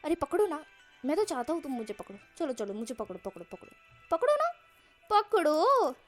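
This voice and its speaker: Girl doing a cold mocking young guy, high and loud, laughing at someone scared. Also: sing-song, a little fast, soft background music. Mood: gloating. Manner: taunting, mocking, laughing at his victim. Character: bullying cold young man with a deep-seated grudge.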